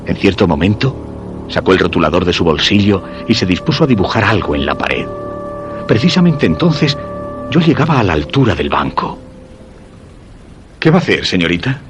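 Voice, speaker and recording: Guillermo, a shy man with a low voice and a Spanish accent, is secretly following a young woman in this first-person suspense radio drama, voiced by the narrator who is also the lead actor. Hesitant and nervous, he confesses in measured, literary phrases, his pitch swinging lively, with clear music playing behind him.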